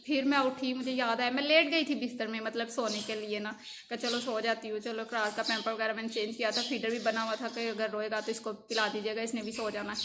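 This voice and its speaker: A woman's voice: a little high, little pitch movement, fast talker, background noise. A young woman vlogger telling a long personal story in a casual, emotional, rambling way, often repeating herself.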